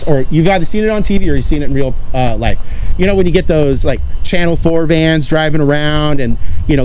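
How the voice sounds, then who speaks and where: A man's voice: a little high, a little mellow, a little hiss or hum, poor audio. A man talking at length as an independent journalist, explaining and justifying himself with emphasis in conversation. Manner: talkative, self-justifying, emphatic.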